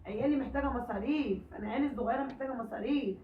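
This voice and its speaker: Egyptian woman vlogger, hoarse, rushed and high, pleading with viewers, far from the phone mic, echoey and tinny. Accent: Egyptian Arabic. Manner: emotional, pleading, rambling. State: hoarse from a cold. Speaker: cooking vlogger. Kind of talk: casual chat to viewers. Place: home.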